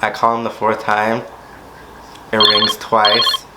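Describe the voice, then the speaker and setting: A young man telling a storytime vlog story, dramatic, acting out quotes and jumping into sudden high squeals. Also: completely flat delivery, slow, sharp tone, slight background noise, rough recording. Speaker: vlogger.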